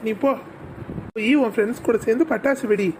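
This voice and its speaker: A gentle, worried young father, voiced by a woman, coaxes and reassures in a cartoon. The voice sits fairly high and moves quickly. A faint hiss runs underneath. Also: steady tone, lightly acted. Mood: coaxing. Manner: coaxing, reassuring, pleading.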